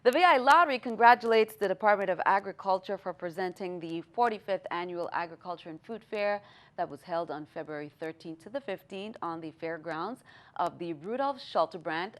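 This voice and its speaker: A woman news anchor reading scripted news in a measured, formal announcer delivery. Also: lowish voice.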